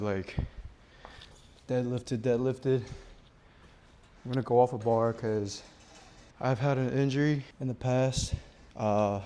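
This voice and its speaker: Speaking off the cuff in English, a South Korean man in his twenties whose first language is Korean vlogs casually to the camera as a newcomer. His delivery is subdued, with frequent hesitations and pauses. Constant background noise comes through his little wireless lapel mic.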